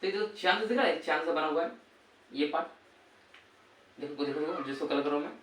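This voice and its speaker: Male teacher in a classroom, call-and-response quizzing; slightly high voice, roomy and distant recording. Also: fairly quick, fairly bright tone, a little hiss or hum. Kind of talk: classroom lesson. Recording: echoey room, voice from far off.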